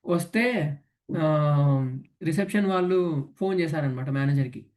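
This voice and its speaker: A man teaching a devotional class, telling a story in a lively way and mixing English words into his talk. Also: a little high, unhurried.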